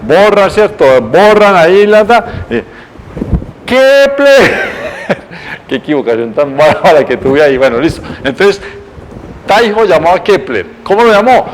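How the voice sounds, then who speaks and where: Un profesor con acento colombiano que da una clase televisada en tono coloquial, contando la historia de forma animada y corrigiéndose a sí mismo. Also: male voice, fairly high pitch, moderate pace, a little hiss or hum. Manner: lively, colloquial, self-correcting storyteller. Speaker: teacher. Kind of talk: televised lecture, storytelling.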